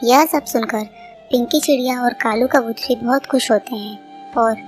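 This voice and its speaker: A woman narrates a cartoon story in a plain, storybook way. Her voice is fairly high, and soft music plays under her narration. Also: fairly even intonation, a little slow.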